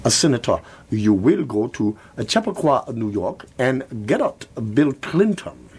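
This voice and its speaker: A man's voice: a little high, wildly swooping pitch, normal speed, a little mellow, slight background noise. A man playing a scheming, gloating communist spymaster with a put-on foreign accent in a comedy sketch.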